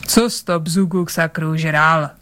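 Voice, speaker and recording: A woman voicing rough, jeering male drinkers in a tavern for a read-aloud tale. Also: low-pitched, steady tone, fairly bright tone, no room sound. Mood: gruff.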